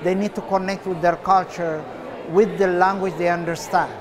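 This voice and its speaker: Recorded indoors at a cafe with a crowd in the background, an Ethiopian artist in his forties replies to interview questions unhurriedly, with plenty of filler pauses. His voice sits high.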